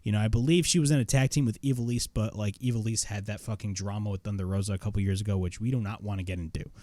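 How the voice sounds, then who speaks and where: A man's voice: lowish voice, fairly even intonation, rapid-fire, warm tone, no echo. A man reviewing a wrestling show in casual commentary, blunt, opinionated and swearing freely.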